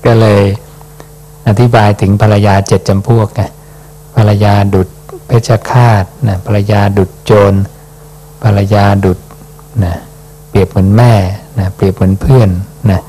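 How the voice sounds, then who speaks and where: A man, a Buddhist monk, reading scripture aloud and explaining it in an unhurried dhamma talk, ending phrases with a soft questioning particle. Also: lowish voice, steady tone, slight background noise.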